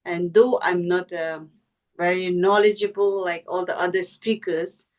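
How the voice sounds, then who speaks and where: A woman's voice: on the low side, fairly even intonation, a little slow, darkish tone. Middle-aged woman from India, native Tibetan speaker, chatty and self-effacing, sits back from the mic on a call. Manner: modest, laughing, chatty with many fillers. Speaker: guest speaker and translator. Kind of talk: casual personal introduction. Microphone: video call. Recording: voice distant from the mic.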